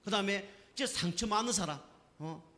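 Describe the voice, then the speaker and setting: Pastor preaching in a reverberant church. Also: male voice, sits high, normal speed, sharp tone. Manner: asks the congregation questions and keeps checking with "right?". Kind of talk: sermon. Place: church sanctuary.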